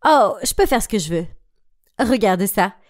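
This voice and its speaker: A woman's voice: medium pitch, lively intonation, moderate pace, close to an everyday voice. A woman voicing a spiteful, bossy popular teenage girl who captains the cheer squad. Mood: taunting. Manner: mocking, bossy.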